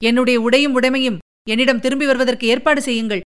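A woman reading the part of a bold young male warrior envoy, fast and indignant in an audiobook story. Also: sits high, steady tone, clean tone, close to an everyday voice. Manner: quick, indignant, demanding.

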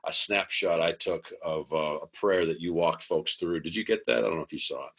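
Deep husky man, halting host. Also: a bit bright. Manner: halting, stammers over repeated words. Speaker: podcast host. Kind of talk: podcast interview.

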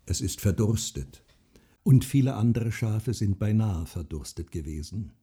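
A man reading a fairy tale aloud in calm, measured storytelling. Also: lowish voice, breathy edge. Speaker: narrator.

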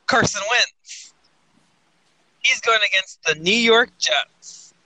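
A man co-hosting a casual sports podcast, his voice coming through a glitchy connection that makes it sound robotic with jumping pitch. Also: bright, forceful tone, dry recording, poor audio. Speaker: podcast co-host.

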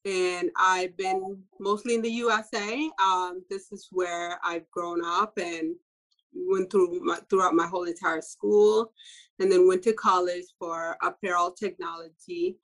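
A young woman from Ethiopia, a fashion designer, giving a relaxed interview with frequent soft laughs and filler words. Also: fairly low pitch, unhurried, poor audio. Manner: soft-spoken, laughs often, many fillers. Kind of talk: casual interview answers.

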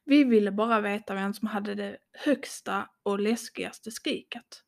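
A woman's voice: medium pitch, gravelly, natural voice. A woman reading the lines of children who plead with their mother in a horror story. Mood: apologetic. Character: frightened children calling to mom, apologetic.

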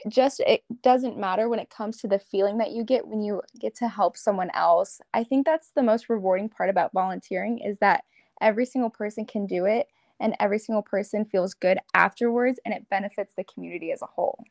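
A woman's voice: medium pitch, fairly quick, a little mellow, dry recording. A woman in her late teens with an American accent, giving conversational answers as an interview guest. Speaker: podcast guest, pageant competitor and volunteer.

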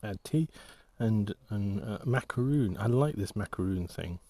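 A man talking casually while out walking, rambling in halting, restarting sentences as he thinks aloud. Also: on the low side, expressive, dark tone. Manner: rambling, halting, many restarts and trailing thoughts. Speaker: walking vlogger and artist.

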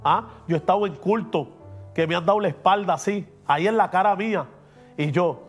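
Pastor for a preaching podcast, high voice, emphatic, faint music underneath. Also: male voice, a little fast. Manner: emphatic and preachy, drops English words in. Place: podcast studio.

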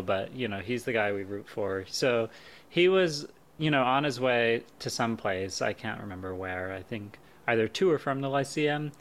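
A young man co-hosting a casual podcast. He talks in halting bursts, full of fillers and restarts, and he laughs often. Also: mid-range voice, fairly bright tone. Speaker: podcast co-host. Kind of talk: casual chat.

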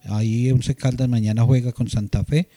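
A man co-hosting a sports radio show, talking in a measured way with many "eh" fillers. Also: mid-range voice, steady tone, dark tone, no room sound. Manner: measured, fills pauses with "eh".

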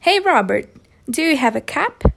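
A woman's voice: high-pitched, sing-song, measured pace, gravelly, a bit bright, heavily acted. A woman reading a short scripted dialogue for an English lesson, speaking as a young woman chatting with a friend. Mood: friendly.

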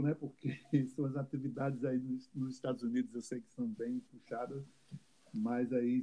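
A man's voice: mid-range voice, warm tone, poor audio. A man hosting a web radio interview show, asking friendly, encouraging questions. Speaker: show host.

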